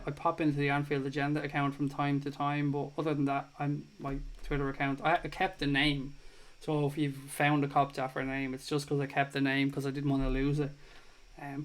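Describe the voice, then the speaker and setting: An Irish man in his thirties hosting a casual live football chat stream, reading viewer comments and swearing now and then. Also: a little high. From Ireland. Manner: chatty, swears casually, thanks viewers warmly.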